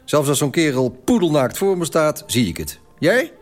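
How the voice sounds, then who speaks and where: A man's voice: a little high, very animated, normal speed, faint music behind. A man in a radio drama playing a father who talks bluntly and in an opinionated, tough way at the dinner table.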